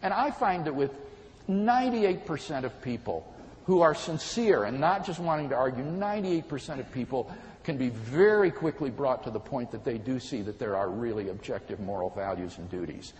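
A man's voice: medium pitch, expressive, darkish tone, big-room sound, low-quality recording. Earnest man explaining moral philosophy. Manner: measured and earnest, storytelling examples. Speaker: speaker on philosophy. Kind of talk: explanatory talk.

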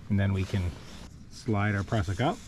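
A man's voice: on the low side, normal speed, background noise. A man teaching kayak rescue rigging step by step, talking plainly while he works the ropes on a rocky riverbank, recorded by a camera he wears. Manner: plain, methodical, talks while rigging by hand. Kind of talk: step-by-step instructional demo. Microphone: wearable camera on body.

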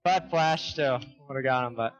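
A man's voice: mid-range voice, normal speed, soft background music. A young man chatting casually while playing a video game, laughing often and swearing freely. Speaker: gamer. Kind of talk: casual gaming chat. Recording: dull lo-fi stream audio.

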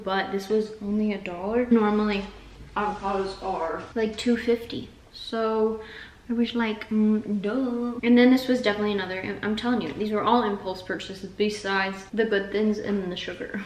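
In her home kitchen, a chatty young adult vlogger speaks at a moderate pace with a medium-pitched, steady voice, rambling self-deprecatingly through a casual food chat peppered with "like." A camera some distance away on the counter gives a roomy sound with hiss.

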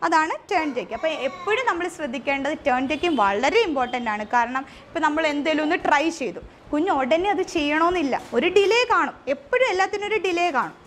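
A woman's voice: high voice, animated, fast, hardly any pauses, fairly bright tone, a little hiss or hum. A woman gives parents an informal lecture as a therapist. She explains with everyday examples, mimics sounds, and mixes English terms into her speech. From India. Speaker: therapist giving a parent class.

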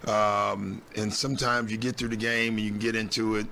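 Blunt older coach, low bright voice. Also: male voice, little pitch movement, a little fast, gravelly, a little hiss or hum. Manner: blunt, matter-of-fact, frequent ums. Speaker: head coach. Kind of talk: postgame press conference. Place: team press room. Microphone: desk mic on stand.

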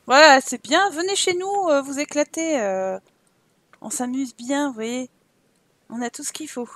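High-pitched woman playing Sims. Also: unhurried, fairly bright tone, dry recording. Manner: exasperated, swears at the game, talks to her Sims. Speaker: Sims let's play streamer. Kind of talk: casual gameplay commentary.

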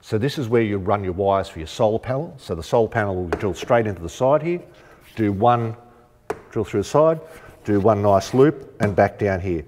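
In a large warehouse showroom, a shop presenter demonstrates rooftop tent fittings, chatty and practical, thinking aloud with many ums. His fairly low, darkish voice has lively intonation at normal speed. There's long reverb, faint music, and a little hiss or hum.

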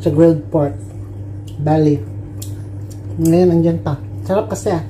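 Low, mellow Filipina talking while chewing. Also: female voice, steady tone, moderate pace, a little hiss or hum, poor audio. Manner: mixes Tagalog and English, chatty, addresses viewers as guys. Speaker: mukbang vlogger. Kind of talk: casual eating vlog chat.

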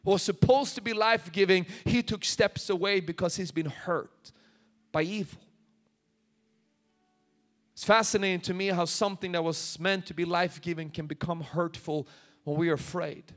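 A man's voice: high-pitched, fairly even intonation, normal speed, fairly bright tone. A man in his forties from Sweden, preaching a sermon on a large church stage into a handheld microphone, acting out prayers and quotes with rising intensity. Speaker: pastor.

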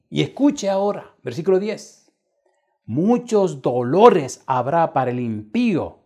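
A male pastor preaching a sermon, telling a story and acting out the voices of the people in it. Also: medium pitch. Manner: dramatic, shifts between loud and hushed quoted voices. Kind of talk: sermon with acted-out anecdotes.

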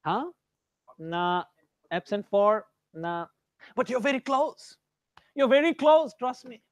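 A man's voice: very high-pitched, big pitch swings, takes it slowly. An Indian-accented man leads a grammar lesson. He drills his students by name and slips between English and Hindi as he explains. The sound is dry, with no room echo. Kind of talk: live grammar class.

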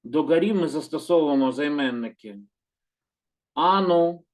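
A Hebrew teacher gives a calm, slow lesson, explaining each word patiently in an animated way. He often slows to repeat terms and corrects his own slips, and his voice is a little higher than most men's.

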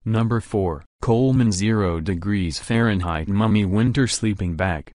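Guy doing a scripted review voice-over, low voice, flat steady read, dry sound. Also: dry recording. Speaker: product review narrator. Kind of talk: scripted narration.

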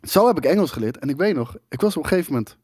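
A man from the Netherlands co-hosting a podcast in a casual, lively, joking chat, often restarting his sentences. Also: fairly high pitch, rapid-fire, breathy edge, dry recording, studio quality. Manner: lively, jokey, stumbles and restarts. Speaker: podcast co-host. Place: studio at a table.

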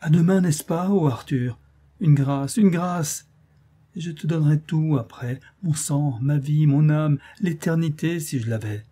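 A man's voice: fairly high pitch, a little slow, warm tone, pitched above the performer's own voice. A man reading an audiobook voices a young peasant girl desperately in love, crying out her pleas with passion. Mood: desperate pleading. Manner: pleading, impassioned cries.

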